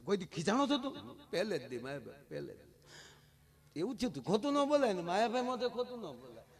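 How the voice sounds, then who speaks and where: A man with a Kathiawadi Gujarati accent telling a comic folk story to a live audience, animated and punchy, with repeated direct address. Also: high voice, a little fast.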